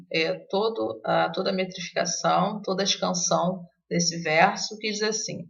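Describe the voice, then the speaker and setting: A woman teacher talks through a recorded lesson with a gravelly edge to her voice, at a middling pitch. She hesitates often and restarts her sentences. The sound is dull and lo-fi. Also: fairly bright tone. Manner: hesitant, many fillers and restarts. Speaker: literature teacher.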